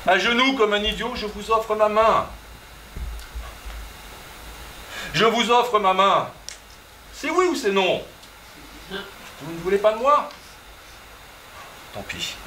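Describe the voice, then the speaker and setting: A man's voice: sits high, very animated, measured pace, pauses often, bright, forceful tone, slight background noise, heavily acted. A man acting as a lovestruck landowner on stage, stammering and impassioned, heard from far off in an echoey hall. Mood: desperate. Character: impulsive male landowner, proposing wildly. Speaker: stage actor.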